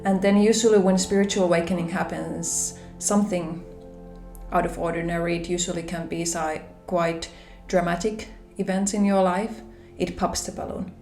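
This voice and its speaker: A woman who vlogs about spirituality speaks English as a second language with a Finnish accent, offering gentle reflections on her spiritual journey straight to camera. Her voice is fairly low and steady, soft and full of pauses. The recording has a roomy echo and soft background music.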